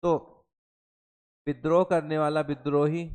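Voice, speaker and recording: A young male teacher runs an exam-prep Hindi lesson, mixing English terms into his Hindi. He repeats each definition several times and keeps quizzing his students. His voice is smooth and clear, pitched a little high for a man. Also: flat delivery, unhurried, a little mellow. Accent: Hindi with English terms mixed in. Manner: repeats each definition, asks the class questions.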